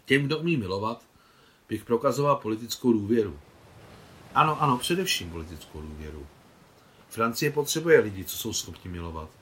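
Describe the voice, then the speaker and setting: A man voicing an old male marshal who speaks loudly, with a smile in his voice. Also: lowish voice, lively intonation. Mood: amused. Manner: loud, with a smile in the voice.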